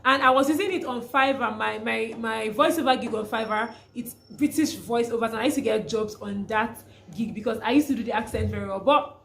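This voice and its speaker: A young Nigerian woman, a freelancer who vlogs, chats casually to the camera in a Nigerian accent, often restarting sentences and laughing through her stories. Her voice is fairly high, brisk, creaky and a bit bright, with slight background noise.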